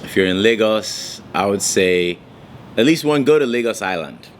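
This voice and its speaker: A young man from Nigeria talks in a low, deep voice as a guest in a casual interview. His manner is relaxed, with lots of fillers. Faint noise sits behind him. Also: normal speed.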